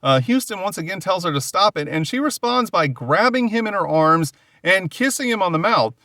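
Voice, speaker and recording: A man's voice: sits high, animated, moderate pace, sharp tone, dry recording, clean studio sound. A man hosting a podcast, casually retelling a comic book's story and loosely paraphrasing what the characters say. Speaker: podcast host. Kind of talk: casual comic book recap.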